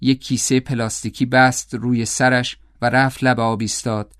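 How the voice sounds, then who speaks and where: A man reading an audiobook in a measured, calm storytelling manner. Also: mid-range voice, smooth, no room sound, clean studio sound. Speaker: audiobook narrator. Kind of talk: scripted audiobook narration.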